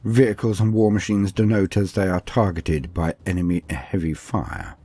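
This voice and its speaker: A man with a low, mellow voice narrates scripted fantasy battle lore for a war-game video at a moderate pace. His delivery is grave and theatrical, with music in the background.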